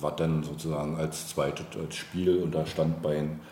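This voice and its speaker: A man with a very deep, mellow voice, interviewed as a politician, speaks a little slowly with little pitch movement. His talk is conversational, yet hesitant and wordy while he searches for words. The room echoes, and noise sits in the background.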